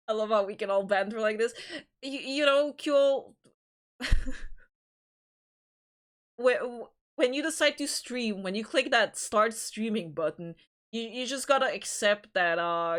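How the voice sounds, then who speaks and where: A woman streamer chatting casually with her viewers at an unhurried pace. She is giggly and rambling, and often trips over and restarts her sentences. Her voice sits at a middling pitch. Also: lively intonation, a bit bright. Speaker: livestream host.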